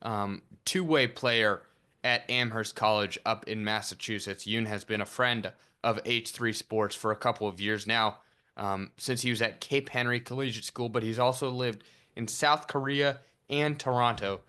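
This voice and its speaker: A man's voice: fairly low pitch, steady tone, normal speed, sharp tone, clean tone, rough recording. A man hosting an interview podcast, friendly and upbeat, with frequent ums. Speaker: podcast host.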